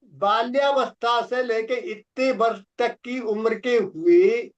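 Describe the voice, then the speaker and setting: A man's voice: very high-pitched, slow pace. A man teaching scripture to a group, explaining patiently and repeating phrases, his voice breaking up over a bad online connection. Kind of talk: explaining doctrine in a group class. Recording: distant, dull, breaking-up call audio.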